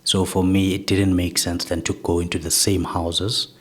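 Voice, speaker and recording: Telling his life story reflectively as an interview guest, a young South African man speaks softly in a low voice. He keeps a level tone at a normal speed, frequently wrapping up points with "right?".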